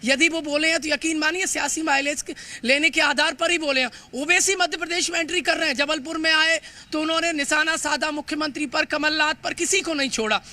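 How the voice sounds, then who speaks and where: A man reporting live for the news, emphatic and hurried, often stumbling over words and filling pauses. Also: very high-pitched, steady tone, bright, forceful tone. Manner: fast, emphatic, with frequent stumbles and fillers. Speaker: field reporter.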